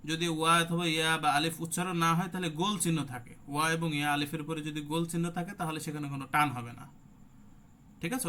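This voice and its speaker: A man's voice: fairly high pitch, fairly bright tone, slight background noise. A man, teaching Quran recitation rules in an online class. He explains step by step, asks questions and answers them himself, and stretches out sounds to demonstrate them.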